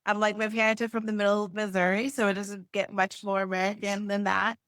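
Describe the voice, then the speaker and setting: A woman's voice: medium pitch, little pitch movement, brisk, fairly bright tone, clear, resonant tone, no room sound. A young woman guest in a conversational interview, speaking earnestly with frequent "like" fillers. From born in Haiti, raised in East Africa and the US. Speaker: podcast guest.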